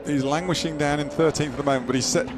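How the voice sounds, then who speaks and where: A man's voice: on the high side, fairly even intonation, fast talker. A man co-commentating on a motor race, rambling and repeating words, with dry teasing. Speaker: expert co-commentator. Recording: loud engine noise behind commentary.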